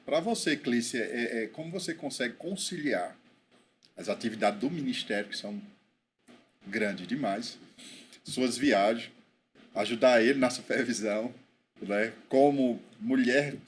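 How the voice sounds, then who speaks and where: A man's voice: mid-range voice, a little hiss or hum. A man hosting a podcast interview, asking questions with friendly fillers. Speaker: podcast host.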